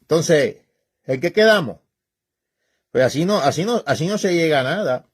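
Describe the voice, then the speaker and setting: A man's voice: fairly high pitch, animated, moderate pace, husky. A man preaching in a colloquial, emphatic way, scolding his listeners directly and pressing each point with repetition. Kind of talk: informal preaching talk.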